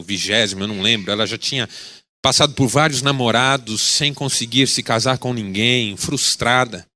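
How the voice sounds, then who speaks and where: A male pastor preaching a sermon, telling stories dramatically and acting out the people in them. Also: medium pitch. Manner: animated, dramatic storytelling with acted quotes. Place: radio broadcast of a sermon.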